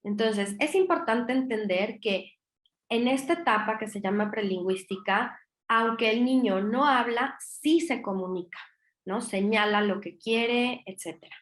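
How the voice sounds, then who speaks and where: Woman, Mexican accent, lecturer, explanatory, frequent tag questions, somewhat high voice, echoey recording. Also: measured pace. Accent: Mexican Spanish. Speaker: lecturer on child language development. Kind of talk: virtual conference lecture.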